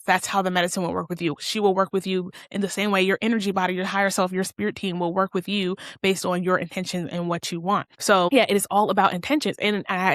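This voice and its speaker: A woman's voice: medium pitch, a bit bright, dry recording, studio quality. A young adult woman hosting a casual spiritual talk, rambling loosely with lots of fillers and restarts. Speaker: host.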